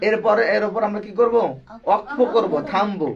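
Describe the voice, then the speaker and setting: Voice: medium pitch, fairly quick, vocal fry, distant mic, muffled recording, a crowd in the background. A Quran recitation teacher giving a classroom lesson, drilling the students with repeated questions and call-and-response.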